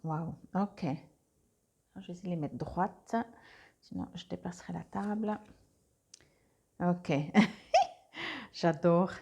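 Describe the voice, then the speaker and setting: A woman's voice: on the low side, lively intonation, slow, pauses often, a little mellow, breathy edge. A woman doing a casual monthly card reading on a clip-on mic, hesitant, with many fillers and restarts. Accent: Swiss French. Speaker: tarot card reader.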